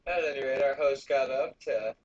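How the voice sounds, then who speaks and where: A man's voice: mid-range voice, moderate pace, a little mellow, muffled recording. A man telling stories in casual chat, in a rambling, crude, slangy stoner manner. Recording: noticeable background noise.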